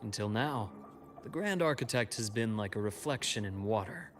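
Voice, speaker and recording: An actor playing a calm, secretive male informant in a video game, delivering grave, deliberate exposition. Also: fairly low pitch, close to an everyday voice.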